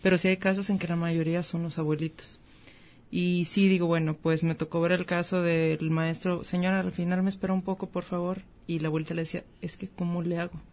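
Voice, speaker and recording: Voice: mid-range voice, level tone, fairly quick, a little mellow. A co-host, chatting casually on a talk show and sharing personal stories about being a parent. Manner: shares personal anecdotes as a parent.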